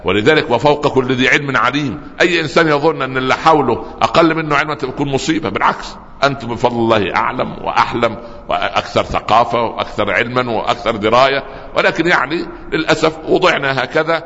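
A man preaching a sermon, telling stories lively and joking with the audience. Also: mid-range voice, fast talker. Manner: lively storytelling with humor and audience asides. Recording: dull lo-fi recording with long hall reverb.

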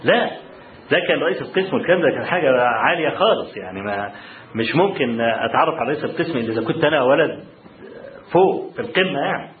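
A man with an Egyptian Arabic accent telling students about his college days, animated, often checking in with the audience. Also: medium pitch, racing, reverberant, narrow, tinny audio, slight background noise. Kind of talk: storytelling talk to students. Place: lecture hall.

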